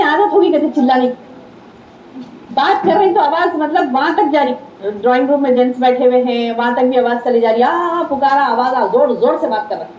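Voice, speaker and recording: A woman's voice: high voice, mellow, slight background noise. A woman religious teacher with a Deccani Urdu accent giving a conversational Islamic lecture, repeating her key phrases. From India. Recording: roomy, slightly dull hall recording.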